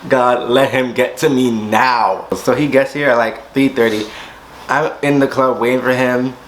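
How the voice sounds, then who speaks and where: A young vlogger tells a storytime tale, throwing himself into every quoted line and suddenly breaking into high squeals. His ordinary middle-pitched voice is steady in tone and a little slow. The low-quality recording has a faint hiss underneath.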